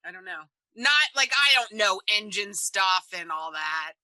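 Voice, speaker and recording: A woman guest in a casual interview, telling lively stories about life aboard and laughing often. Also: medium pitch, a little slow, no room sound, low-quality recording. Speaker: interview guest, full-time boat liver.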